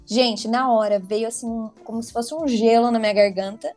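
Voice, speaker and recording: A Brazilian woman with a fairly high voice tells her story in an easy, lively way. Faint music plays softly behind her. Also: normal speed. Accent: Brazilian Portuguese. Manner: lively storyteller, laughs often. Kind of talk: casual testimony chat.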